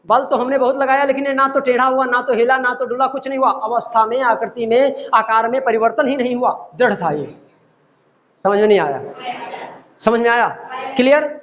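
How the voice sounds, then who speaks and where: A man's voice: very high voice, a bit bright. Male physics teacher lecturing a class. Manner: explains with everyday examples, often checks if students understand. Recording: dull lo-fi classroom recording.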